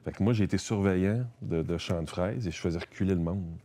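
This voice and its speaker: A man's voice: low voice, quick pace, mellow. A man from Quebec with a Québécois French accent, a guest chatting casually and rambling, with many restarts and a lot of "tu sais". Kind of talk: casual conversation.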